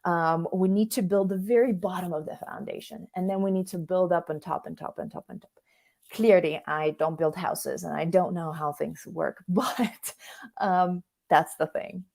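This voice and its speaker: A Russian career coach, a native Russian speaker, runs an online coaching workshop in an informal, conversational manner, regularly stopping herself to check in with listeners. Her voice is on the low side and a little mellow, with a steady tone, vocal fry, and normal speed.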